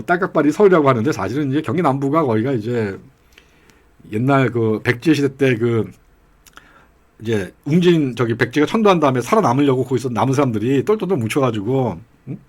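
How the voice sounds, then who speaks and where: A man's voice: mid-range voice, a little mellow, breathy edge. A middle-aged man giving casual political commentary, telling rambling anecdotes with chuckles along the way. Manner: acts out regional dialect quotes.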